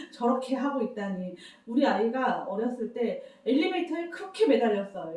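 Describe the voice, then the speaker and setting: A woman's voice: fairly high pitch, dark tone. A woman in her forties, a counselor, speaks earnestly to parents on a community radio talk, asking questions and laughing often. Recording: echoey and distant from the mic.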